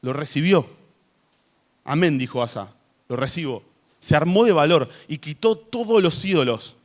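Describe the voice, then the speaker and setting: A man preaching a sermon in church, chatty in tone and rising to loud emphasis when he reads scripture. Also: on the high side, expressive, normal speed.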